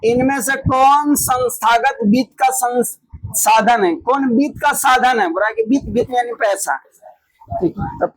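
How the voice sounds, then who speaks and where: A man with a very high voice teaches in a Bihari Hindi accent. He quizzes his students loudly and hammers each answer home by repeating it over and over. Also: a little slow, no echo, rough recording. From Bihar, India. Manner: loud, repetitive quizzing that drills students with call-and-response. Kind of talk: classroom exam drill lesson.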